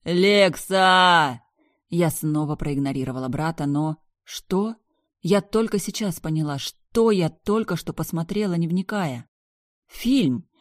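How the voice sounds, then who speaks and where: A woman's voice: on the low side, warm tone, no echo, clean studio sound. A woman reading a first-person story aloud, her narration tense and intense. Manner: tense, intense, rising into anger. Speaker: audiobook reader.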